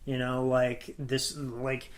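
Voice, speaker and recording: Halting young man chatting on a podcast. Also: mid-range voice, completely flat delivery. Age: young adult. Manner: halting, repeats words while searching for thoughts. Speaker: podcast co-host, animator. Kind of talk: casual chat.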